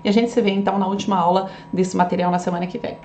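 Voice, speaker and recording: A woman's voice: medium pitch, little pitch movement, rapid-fire, darkish tone, slight background noise. A woman teacher giving a recorded class lesson, patiently explaining an exercise and often checking that students follow.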